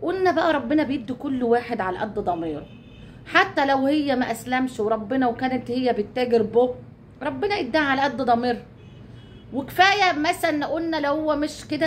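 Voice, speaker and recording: A woman's voice: high voice, quick pace, slight background noise. An Egyptian woman talking casually to her viewers, chatty, swearing oaths and calling them her dear ones. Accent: Egyptian Arabic. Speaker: YouTube channel host.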